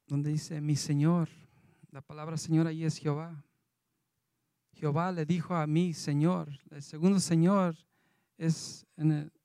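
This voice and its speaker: A man with a fairly high, mellow voice preaches a sermon in a loose, conversational way, reading scripture passages aloud between his remarks. The sound is dry and close. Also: gravelly, no echo.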